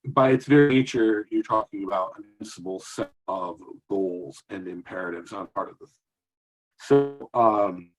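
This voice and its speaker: On a remote panel, a guest with a lowish voice comes through a video call that keeps dropping out, making his volume rise and sink unpredictably. His speech is stop-start, full of fillers and fresh starts, and the recording sounds rough.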